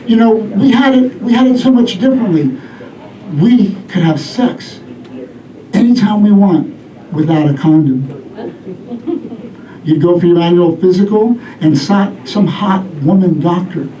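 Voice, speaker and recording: Male stand-up comic, middle-aged, rambling storyteller with a higher voice, picked up from afar before a laughing crowd. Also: warm tone, a little hiss or hum. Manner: rambling storyteller delivery, acting out bits. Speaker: stand-up comedian. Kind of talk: stand-up comedy routine. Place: live comedy venue with audience. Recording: echoey club room, distant mic, audience laughter.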